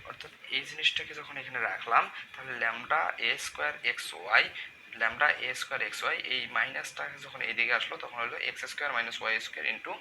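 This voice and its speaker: Fast-talking man tutoring math. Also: mid-range voice, creaky. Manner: walks through algebra aloud, asks and answers own questions. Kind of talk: step-by-step lecture. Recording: noisy room sound.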